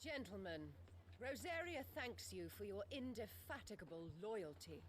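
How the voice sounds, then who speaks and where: Imperious noblewoman played by a woman, cold and formal, mid-pitched, game drama with faint background sound. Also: big pitch swings, normal speed, slight background noise, close to an everyday voice. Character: haughty, cold noblewoman, stern mother. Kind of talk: video game drama acting.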